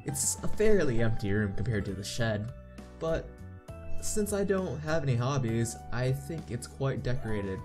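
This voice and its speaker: A man reads a visual novel's story aloud and comments casually during a playthrough, with the game's music playing. His medium-pitched voice is very animated, though his pace is a little slow.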